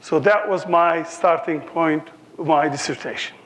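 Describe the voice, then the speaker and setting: A man's voice: fairly high pitch, measured pace, a bit bright. A man in his sixties from Turkey with a Turkish accent, giving a conference lecture in a joking, anecdotal way. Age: 60s.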